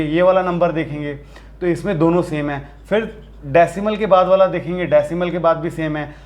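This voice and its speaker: A man teaching a maths lesson, explaining step by step and asking the class questions as he goes, with frequent restarts and self-corrections. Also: high-pitched.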